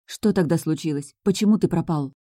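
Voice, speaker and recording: Woman reading an anxious but stubborn young witch for an audiobook; mellow tone, dry close sound. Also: low-pitched, a little fast, dry recording.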